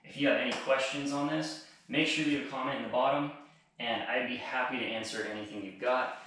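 A man in his thirties gives a casual how-to while he works, at an ordinary middle pitch. He talks in a relaxed way and often doubles up his words. He is recorded by a camera across a small bare room with strong echo, and the camera is sometimes held close. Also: fairly quick, a little hiss or hum. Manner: relaxed, repeats words as he goes. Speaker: outdoor gear channel host. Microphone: camera on a stand across the room, later held close.

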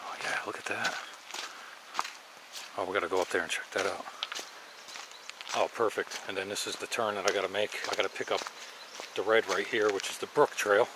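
A middle-aged man vlogs his hike along forested mountain trails on an action camera, enthusiastic and thinking aloud as he moves. His lowish voice stays steady, a little fast and often paused, while heavy background noise fills the clip.

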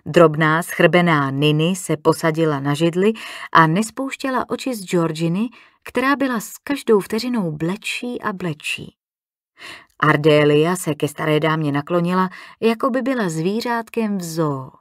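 Woman narrator, audiobook, low voice, dry close sound. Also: no room sound. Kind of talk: scripted narration.

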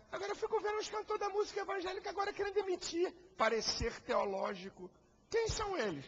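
A man's voice: very high voice, a bit bright, husky. A man, a pastor, preaching a fiery and combative sermon full of rhetorical questions. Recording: echoey hall, dull lo-fi sound.

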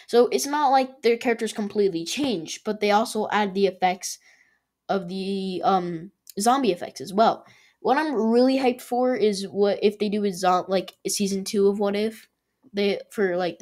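Rambling excitable woman vlogger. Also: medium pitch. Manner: rambling and excitable, lots of fillers and restarts. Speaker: channel host ranking shows. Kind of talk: casual rambling review.

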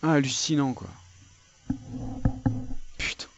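A young man commentates live on his shooter game as a raging gamer, exasperated and cursing. His voice sits at a middling pitch. Gunfire and clicks from the game make the recording somewhat noisy. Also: steady tone, slow pace, gravelly. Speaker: gamer recording gameplay for viewers.

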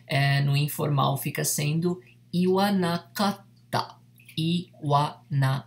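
Patient Japanese teacher, creaky. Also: medium pitch, fairly even intonation. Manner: patient, repeats each word slowly, frequent tag questions. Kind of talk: online language lesson.

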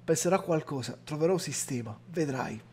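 A terse, guarded young soldier, read aloud by a man. The lines come out flat and clipped. The voice has a husky grain and sits slightly high. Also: brisk. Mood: firm. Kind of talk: reading game dialogue aloud.

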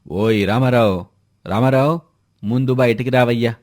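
A bullying village moneylender in a plain middle-pitched male voice, as the narrator plays him. He scolds and demands without letting up. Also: fairly even intonation, moderate pace, a little mellow, lightly acted. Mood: harsh.

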